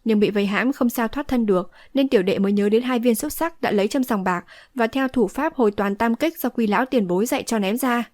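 A woman's voice: on the high side, a little fast, hardly any pauses, darkish tone, dry recording, natural voice. A woman reading the part of a resolute young swordswoman who speaks firmly and decisively, in a dry close recording. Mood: explaining. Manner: firm, decisive speech. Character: young heroine, resolute and fierce-tempered.

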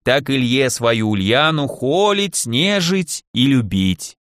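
A man voicing a toothless old village witch woman in an audiobook, asking slow, drawn-out questions and muttering her spells through the nose. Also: medium pitch, lively intonation, a bit bright, no echo, clean studio sound. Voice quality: nasal muttering during the spell. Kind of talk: audiobook character voice.

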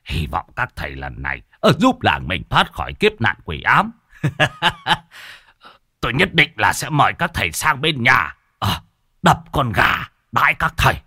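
A man's voice: mid-range voice, huge pitch swings, normal speed, bright, forceful tone, slightly rough, no room sound, studio quality, full character voice. A man voicing a cheerful older village elder who talks effusively and chuckles. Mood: jovial.

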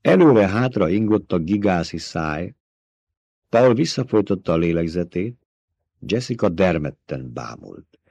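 A man reading an audiobook aloud with dramatic, tense storytelling that drops to a hush at times. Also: deep voice, very animated, vocal fry, husky, dry recording. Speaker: audiobook narrator. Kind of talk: scripted audiobook narration.

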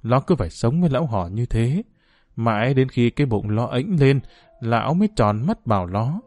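A man narrating a novel as an audiobook in an expressive storytelling manner. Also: mid-range voice, moderate pace, no room sound.

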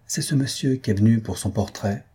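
A man's voice: on the low side, a little fast, dark tone, slightly rough. A man voicing a fussy bourgeois wife and mother. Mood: eager.

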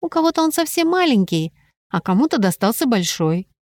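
A woman's voice: fairly high pitch, big pitch swings, fairly quick, a little mellow, no echo, voice pushed up. A woman reading aloud, voicing a confident young female witch who is scornful of mages, in a matter-of-fact way.

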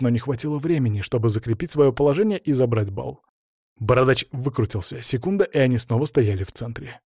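Brief: male first-person audiobook narrator, steady and measured, mid pitch, dry close-mic sound. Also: dry recording.

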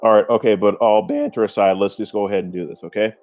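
A man's voice: lowish voice, fairly even intonation, fast talker, no echo, muffled recording. A man co-hosting a podcast, easygoing, moving the show along and introducing guests. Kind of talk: casual podcast banter.

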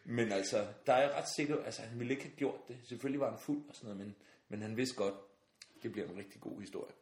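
Danish-speaking man telling animated anecdotes. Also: mid-range voice. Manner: animated storyteller, acts out voices, laughs often. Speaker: podcast guest. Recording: roomy sound with faint noise.

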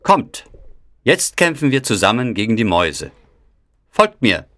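A man's voice: mid-range voice, big pitch swings, unhurried, a bit bright, dry recording, studio quality. A man voicing a brave toy nutcracker captain in a storybook reading, calling others to follow him in a commanding, rousing way.

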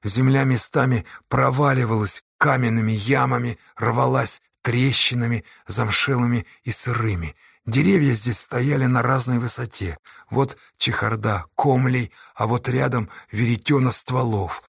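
A man with a husky voice giving measured, scripted audiobook narration. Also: medium pitch, fairly even intonation, dry recording, clean studio sound.

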